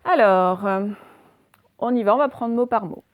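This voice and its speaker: A woman teacher giving a reading lesson to young children, spelling out letters slowly and checking in often. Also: medium pitch, no echo, phone-quality sound.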